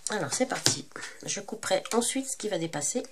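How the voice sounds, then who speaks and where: In a noisy setting, this crafting host with a French accent speaks in an animated, mid-range voice at a brisk pace. She has a cold and sounds congested, chatting casually but hesitantly, with lots of fillers and corrections of herself.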